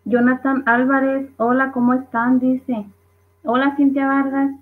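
A woman with a high-sitting voice hosts a casual livestream, reading viewers' comments aloud and laughing along. Her delivery is flat and a little slow, and the audio is tinny, like it's coming through a phone.

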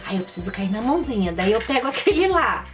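Excitable high-voiced woman host. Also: quick pace. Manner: excitable, exclaiming, sing-song kids' presenter. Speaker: kids' channel host. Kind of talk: playing a board game for children. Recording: voice a bit far from the mic, faint music.

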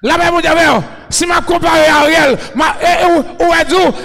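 Haitian preacher, man, very high voice with a gravelly edge, hollering a sermon in a big echoing space. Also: steady tone, moderate pace, sharp tone. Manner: chanting, repeating a refrain. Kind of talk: shouted sermon. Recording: long echoing reverb.

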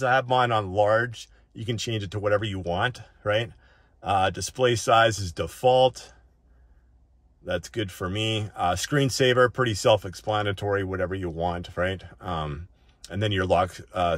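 With a fairly low, slightly bright voice, a man walks through settings in an off-the-cuff tech review, keeping things informal and regularly checking that the listener is with him by tagging a "right?" onto his points. The recording is dry.

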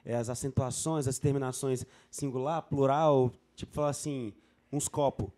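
Mellow-voiced man in casual chat. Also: mid-range voice, fairly even intonation, moderate pace. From Brasília, Brazil. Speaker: sertanejo singer, guest.

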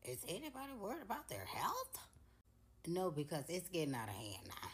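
A woman's voice: on the low side, huge pitch swings, brisk, breathy edge. A woman ranting to camera with exasperated rhetorical questions. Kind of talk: casual rant to camera.

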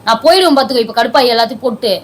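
A woman's voice: on the high side, very fast, a little hiss or hum, poor audio. A woman who keeps pleading and scolding in a comedy sketch at home. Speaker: comedy video creator.

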